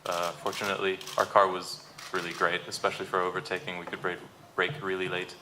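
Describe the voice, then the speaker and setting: A low-voiced man speaks in a flat, even tone, a racing driver answering at a press conference. He recounts things modestly and measuredly, restarting phrases as he goes. Clear background noise from the press room sits behind him. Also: quick pace, echoey room, distant mic.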